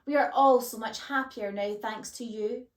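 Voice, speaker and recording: A woman's voice: fairly high pitch, steady tone, moderate pace, close to an everyday voice. A woman voicing a big friendly bookworm lady. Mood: kind. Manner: warm and gentle. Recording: roomy echo.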